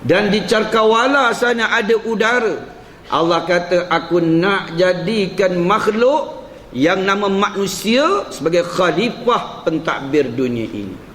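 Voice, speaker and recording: High-voiced preacher in an echoey mosque. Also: male voice, expressive, measured pace, a bit bright. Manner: addresses the congregation often, plays with intonation. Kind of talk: evening mosque lecture. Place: mosque prayer hall. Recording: echoey hall with faint hum.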